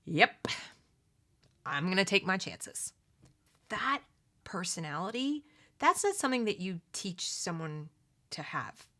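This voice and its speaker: A middle-aged American woman hosts a read-along commentary video, reading aloud from a book while adding opinionated, unscripted remarks, conversational asides, and rhetorical questions. Her medium-pitched voice swings widely in pitch; she speaks slowly with frequent pauses and a sharp tone.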